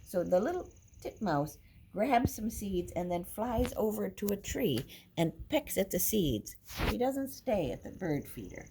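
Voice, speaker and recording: In a classroom furnished with wood, an older woman reads a picture book aloud to little children like a teacher, explaining simply and counting along. Her medium-pitched voice is sing-song and unhurried, captured in a noisy room recording with clicks.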